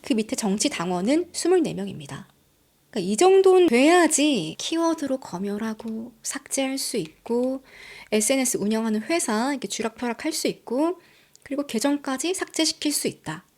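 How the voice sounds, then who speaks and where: Animated woman telling a true-crime story. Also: high voice, moderate pace. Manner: dramatic, drops to whispers for emphasis; conversational, addresses viewers directly. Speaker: channel host.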